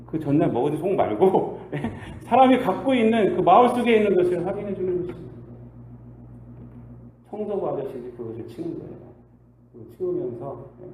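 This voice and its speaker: A male pastor delivers a sermon in a warm, mellow voice that rises and falls in lively swoops. He keeps posing rhetorical questions, jumping from loud bursts to hushed asides. The recording carries the echo of a church sanctuary with a faint hiss. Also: high voice.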